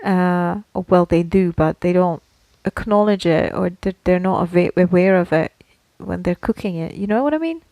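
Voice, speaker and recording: Speaking at a normal pace with few pauses, a Slovak podcast co-host uses a lowish, mellow voice in a recording free of room sound. Her talk is casual and chatty, and she frequently checks that the listener understands.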